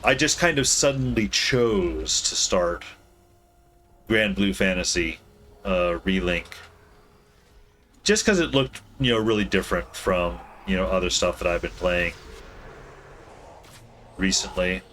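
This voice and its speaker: A man with a somewhat low voice talks his way through a game stream, half-mumbling and restarting his sentences. He sounds casual and unhurried at a desk mic. A faint hiss sits under the voice. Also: fairly bright tone. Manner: rambling, mumbling, self-correcting. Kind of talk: casual gameplay commentary.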